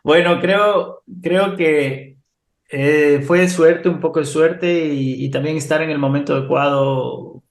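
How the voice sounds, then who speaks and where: Animated Ecuadorian man telling a story. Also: on the high side, slow, echoey room. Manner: animated anecdote teller, laughs often. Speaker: podcast guest. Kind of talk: casual storytelling interview.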